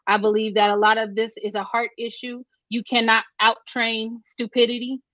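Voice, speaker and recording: A woman's voice: fairly high pitch, level tone, normal speed, a bit bright, dry recording, muffled recording. A woman moderating a panel discussion, speaking firmly and outspokenly. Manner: firm, outspoken.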